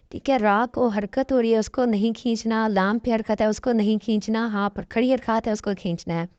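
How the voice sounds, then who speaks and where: A woman teaching Quran recitation with an Urdu accent, patiently explaining rules and sounding out each syllable slowly. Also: fairly high pitch, a little mellow, no echo, dull audio. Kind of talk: slow spelled-out lesson with drawn-out syllables.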